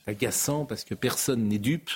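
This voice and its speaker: A man's voice: mid-range voice, normal speed, a little mellow, breathy edge. A man hosting a TV debate show, speaking emphatically and with indignation, firing off rhetorical questions. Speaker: host.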